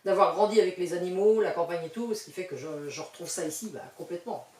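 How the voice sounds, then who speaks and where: An older woman from the western French countryside chats as an interview guest in a loose, casual style, full of fillers and laughing asides. Her voice is fairly low, fast and darkish, and the distant mic gives a roomy sound.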